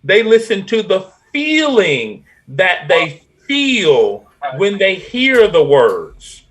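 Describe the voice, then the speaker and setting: A man co-hosting a panel discussion, telling a story in a measured way. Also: high-pitched, wildly swooping pitch, a crowd in the background. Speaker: podcast co-host.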